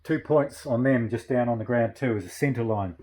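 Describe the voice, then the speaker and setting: A man's voice: mid-range voice, normal speed, darkish tone, a little hiss or hum. A man, a builder, casually explaining practical work step by step in a matter-of-fact way.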